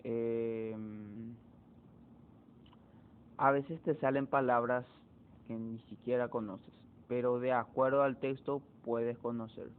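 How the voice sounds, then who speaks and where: A man teacher, walking students through exam answers slowly, repeating key words to drive them home. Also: mid-range voice, fairly even intonation, smooth. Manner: slow, repetitive explaining, repeats key words. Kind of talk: exam walkthrough lesson. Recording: tinny phone-like audio.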